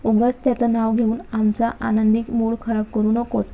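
A woman voicing an outspoken, sharp-tongued young sister who speaks bluntly. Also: fairly high pitch, completely flat delivery, moderate pace, close to an everyday voice. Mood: angry. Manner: blunt, scolding.

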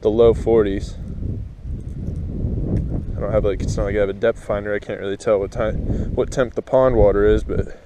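Out by a pond, a young man gives casual first-person commentary to a head-mounted camera while fishing, chatty and thinking aloud between casts. His voice is lowish, his pace normal, and he leaves long pauses. The action-cam audio is windy.

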